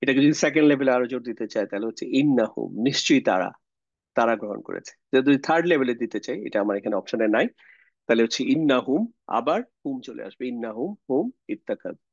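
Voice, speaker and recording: A man's voice: mid-range voice, animated, fast, no echo, lo-fi sound. A man teaching Quranic Arabic grammar in an online class, explaining patiently and repeating himself with many fillers.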